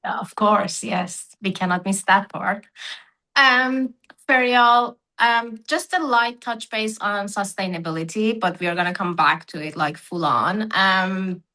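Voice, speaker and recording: A woman hosting a podcast, her voice bright and sharp-edged. She keeps up a stream of quick yeses and agreements, then steers the talk with friendly questions. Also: medium pitch, low-quality recording. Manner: affirming, frequent yeses and short agreements. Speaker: podcast host. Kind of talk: conversational interview.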